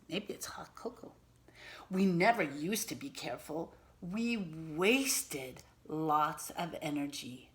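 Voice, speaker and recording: A woman teacher reads a picture book aloud to young children, stopping to explain words and ask simple questions in an instructive manner. Her voice sits low with vocal fry.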